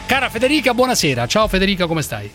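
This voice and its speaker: Brash fast-talking male radio host. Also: high-pitched, very animated, pushed and bright, faint music behind. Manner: brash, blunt, quick-fire questioning. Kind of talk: provocative talk radio hosting. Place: radio studio.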